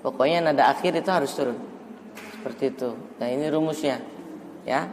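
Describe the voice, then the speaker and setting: A man teaching melodic Quran recitation in a mosque, explaining the rules calmly and then chanting verses slowly to show the tune. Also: fairly high pitch, long reverb tail, a little hiss or hum. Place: mosque hall.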